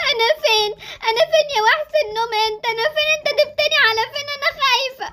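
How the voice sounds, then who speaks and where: A woman's voice: extremely high pitch, sharp tone, exaggerated voice. A woman with an Egyptian Arabic accent voicing a lazy, whiny schoolgirl who stammers when scared. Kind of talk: Roblox story series acting.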